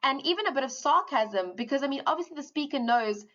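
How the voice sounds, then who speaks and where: A woman's voice: sits high, muffled recording. Woman teacher explaining a poem. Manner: animated explaining, reads quoted lines slowly. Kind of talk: poetry lesson, explaining aloud.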